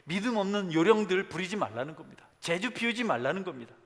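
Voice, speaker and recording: A man delivers a sermon in a church sanctuary. His lively voice rises and falls widely, pressing hard on key phrases and then dropping low. A long hall reverb trails each phrase. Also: fast. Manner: animated preaching that swings from soft asides to emphatic calls. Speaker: pastor.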